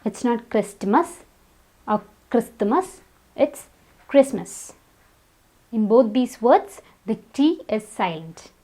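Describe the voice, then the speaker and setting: Slow, lilting woman teaching pronunciation. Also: a little high, animated, warm tone. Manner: slow, deliberate, repeats each word in contrast. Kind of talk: scripted vocabulary lesson.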